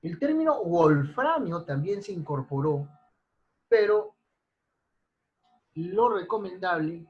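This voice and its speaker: A man on the high side of the pitch range leads an online spelling class as its language teacher, speaking into a computer mic. He lists example words deliberately and slowly, one at a time, and keeps checking in with "¿ya?". The audio is dull.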